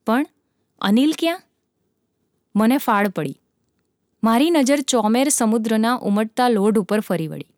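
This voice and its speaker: A woman narrating a dramatic sea story with a vivid, measured reading. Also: fairly high pitch, darkish tone, dry recording, clean studio sound.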